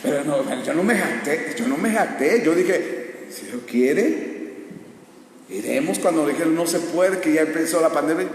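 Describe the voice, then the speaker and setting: A man with a Mexican Spanish accent preaching a sermon in a church, bursting into shouted climaxes and asking rhetorical questions. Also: fairly high pitch, moderate pace, slight background noise. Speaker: pastor. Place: church sanctuary. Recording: echoey church hall, far from mic.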